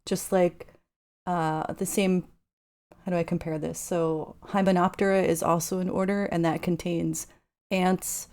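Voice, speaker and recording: A woman's voice: fairly low pitch, flat delivery, measured pace, a little mellow. A woman guest on a casual podcast, an entomologist who explains insects in plain, knowledgeable terms.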